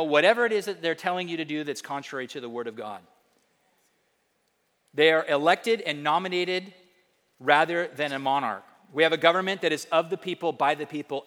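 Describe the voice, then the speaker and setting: A man preaching a sermon as pastor, animated, acting out quoted voices in a higher pitch. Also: long reverb tail.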